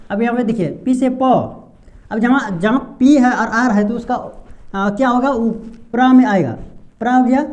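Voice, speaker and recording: A man's voice: very high voice, a little mellow. A young man teaching English pronunciation in Hindi at a board, often asking a question and then answering it himself. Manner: asks questions and answers them himself, repeats key sounds.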